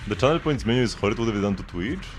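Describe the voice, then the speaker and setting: A man's voice: fairly low pitch, lively intonation, very fast, soft background music. A man livestreaming a video game, chatting casually and explaining team strategy in a rambling way with frequent restarts.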